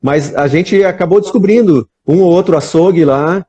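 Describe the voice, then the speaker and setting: On a live stream, a male guest with a Brazilian accent tells rambling stories in a high, mellow, slightly rough voice at a moderate pace, and the audio sounds dull. He restarts sentences often and sprinkles in plenty of "né?".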